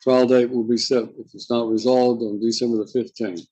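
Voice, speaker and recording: Male judge, mellow, slightly muffled voice. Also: mid-range voice, little pitch movement, normal speed, breathy edge. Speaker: judge presiding over a court docket. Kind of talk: formal courtroom proceedings. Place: indoor courtroom.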